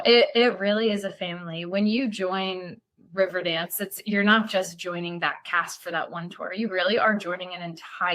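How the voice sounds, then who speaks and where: A woman's voice: medium pitch, fairly bright tone. A young adult woman, a dancer, answering interview questions earnestly over a video call, with frequent ums. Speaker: dancer guest.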